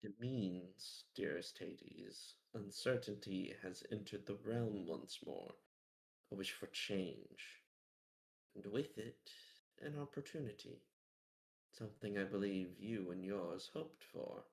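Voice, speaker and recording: A man playing a gravelly, cryptic ageless Keeper. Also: lowish voice, rough recording. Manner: slow, theatrical, archaic, teasing. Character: cryptic mocking male Keeper of fate, ageless. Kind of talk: live-streamed role-play.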